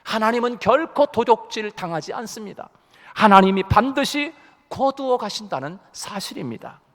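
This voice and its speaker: A man's voice: high-pitched, lively intonation, normal speed. A male pastor delivering a Sunday sermon in a church, stressing his points by repeating key phrases. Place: church sanctuary. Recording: long church reverb.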